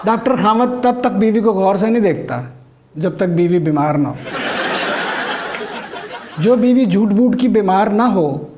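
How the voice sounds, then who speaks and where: In a noisy recording, a man performs a stand-up comedy monologue, delivering his jokes dryly while the audience laughs along. His voice sits high and sounds expressive, and he speaks unhurriedly with long pauses.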